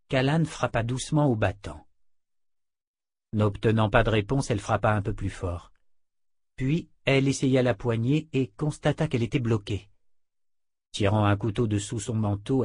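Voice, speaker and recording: A man narrating a fantasy novel as an audiobook in an even, unhurried storytelling manner. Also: on the low side, slightly rough, dry recording, studio quality.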